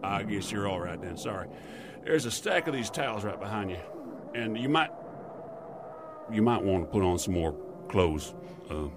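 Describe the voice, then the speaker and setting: Over noticeable background noise, a gruff veteran motel keeper in a horror-comedy audio drama. He is middle-aged and world-weary, grumbling in terse, folksy phrases with lively swings of pitch. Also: normal speed, pauses often. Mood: wary, awkward. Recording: clear background ambience noise.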